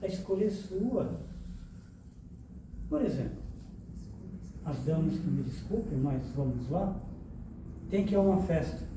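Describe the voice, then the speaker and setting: A man delivers a spiritual lecture in a lively way, firing questions at his listeners and teasing them. His voice sits a little high. It comes from some way off in a very echoey room, with steady noise behind it. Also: unhurried, pauses often, distant mic. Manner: lively, questions the audience and jokes. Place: lecture hall.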